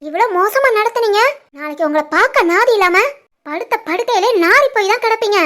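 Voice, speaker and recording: A bold young daughter-in-law in a cartoon, voiced by a woman, speaking in a very high, bright voice. She lectures and talks back defiantly, and has a southern Tirunelveli Tamil accent. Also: lively intonation, a little fast. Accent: southern Tamil Nadu (Tirunelveli) Tamil. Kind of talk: animated family drama voice acting.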